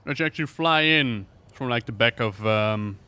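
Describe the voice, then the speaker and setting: A man's voice: mid-range voice, moderate pace, bright, forceful tone, smooth. A man giving casual livestream game commentary, rambling and musing aloud in a playful way. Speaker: game streamer and lore commentator. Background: game music and effects.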